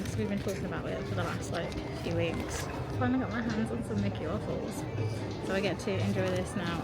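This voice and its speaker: A woman's voice: mid-range voice, poor audio. A British woman in her thirties chatting to her camera in a self-mocking, giggly way. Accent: British English. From Britain. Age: 30s. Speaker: vlogger. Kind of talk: casual vlog narration to camera. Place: outdoors in a crowded theme park. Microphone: handheld camera. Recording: loud park crowd and music behind.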